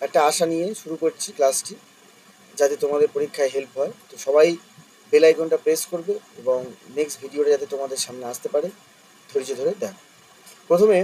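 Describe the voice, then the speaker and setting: A man teaching an exam-prep spelling lesson, spelling English words out letter by letter and repeating them slowly for students. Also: a little high, mellow, husky. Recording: distant mic with faint noise.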